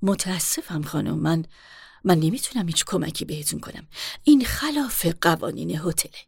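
A woman voicing a stern, unhelpful middle-aged female hotel clerk in a storybook reading, speaking low and curt. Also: very animated, creaky, a little mellow, breathy edge, no echo, studio quality, heavily acted. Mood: stiff, curt.

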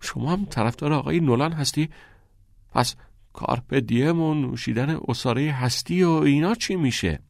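A man's voice: medium pitch, gravelly, no echo, studio quality, voice pushed up, lightly acted. A man voicing a rebellious young male student who stammers and argues back in disbelief. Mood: incredulous. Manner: stammering, incredulous.

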